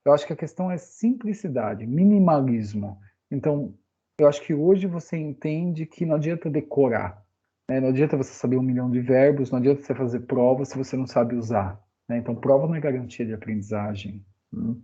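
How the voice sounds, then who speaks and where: A Brazilian man gives a casual online English lesson, talking in a loose, chatty way and checking in with his listeners often. His voice is dark and mellow. The recording sounds a little dull and lo-fi. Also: medium pitch, a little fast, breathy edge. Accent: Brazilian Portuguese. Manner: chatty, frequent "né?" tag questions. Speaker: English teacher.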